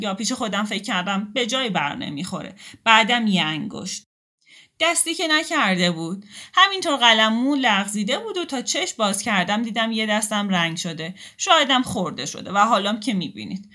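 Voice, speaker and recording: A woman's voice: medium pitch, lively intonation, pushed and bright, pitched above the performer's own voice. Woman voicing a drunk, bitter man. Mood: brooding. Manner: bitter, agitated. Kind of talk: audiobook story reading.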